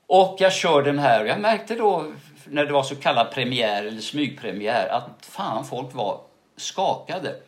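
An older male actor being interviewed, telling stories in a lively way and often ending sentences with a questioning tag. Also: mid-range voice. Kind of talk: casual interview storytelling.

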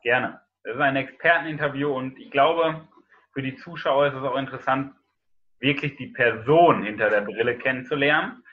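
A man's voice: medium pitch, normal speed, phone-quality sound. A man hosting an interview, enthusiastic as he introduces his guest. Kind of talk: casual interview talk.

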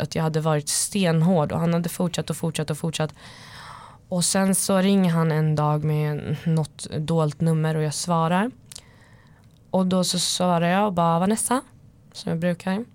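A woman's voice: fairly low pitch, darkish tone, smooth. A young woman telling a personal story in casual chat, rambling with many fillers. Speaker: guest.

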